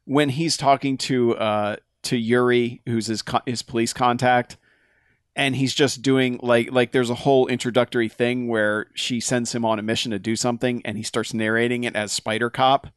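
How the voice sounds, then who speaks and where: Young man, mid-pitched, lively storyteller in casual chat, dry close mic. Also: normal speed, smooth, no echo. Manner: animated retelling, acting out quoted lines. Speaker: podcast co-host. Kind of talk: casual chat about a video game.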